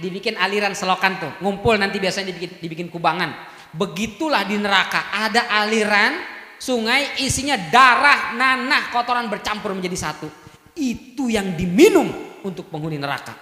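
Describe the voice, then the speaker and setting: A man preaching a lively sermon in to a women's study group, constantly asking his audience questions. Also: high voice, brisk. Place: prayer hall at a religious celebration. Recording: echoey hall with long reverb.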